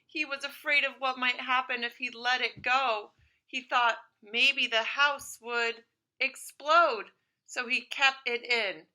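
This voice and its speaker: A woman reading a storybook aloud as a teacher to pupils, expressive and dramatic in her storytelling. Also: high voice, slow pace, rough recording. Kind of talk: animated storybook read-aloud.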